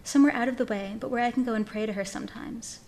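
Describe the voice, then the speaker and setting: A woman's voice: a little high, fairly even intonation, fast talker, a little mellow, lightly acted. A woman voicing an earnest young farm lad. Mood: urgent.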